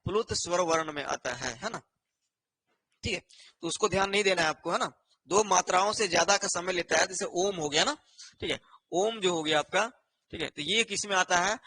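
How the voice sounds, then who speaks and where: Bright high-voiced man teaching a class. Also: husky. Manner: repetitive, with a constant rhetorical "है ना" and "ठीक है"; explains slowly while writing on a board. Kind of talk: online exam-prep lesson.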